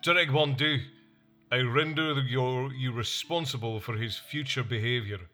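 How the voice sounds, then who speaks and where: A man reading an audiobook voices a stern warrior king who speaks in a cool, measured, reproachful way. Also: medium pitch, sharp tone, faint music behind. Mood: sharp.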